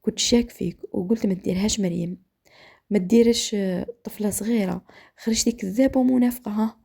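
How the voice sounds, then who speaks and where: A man's voice: high voice, fast talker, gravelly, warm tone, slightly rough, heavily acted. A woman voicing a furious jealous Algerian husband. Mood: accusing. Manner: accusing, threatening.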